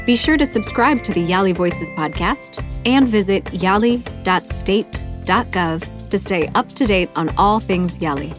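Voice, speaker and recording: A woman hosting a podcast, giving smooth, even scripted introductions. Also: mid-range voice, measured pace, hardly any pauses. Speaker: podcast host. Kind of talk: scripted narration. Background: faint music.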